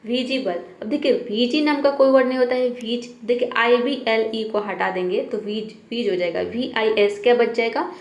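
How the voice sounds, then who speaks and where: A woman's voice: fairly high pitch, normal speed, hardly any pauses, a little mellow, roomy sound. A woman teaches English spelling rules, patiently asking questions and answering them herself, and often checks in with "theek hai". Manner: keeps saying "theek hai" to check understanding.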